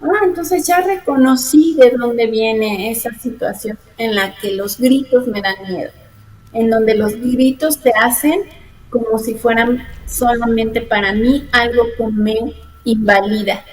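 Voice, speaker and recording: An adult woman, a therapist giving measured, reflective interview answers that slow down to stress key points. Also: a little high, a little hiss or hum, poor audio. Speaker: logotherapist and thanatologist guest. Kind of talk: calm explanatory interview answers.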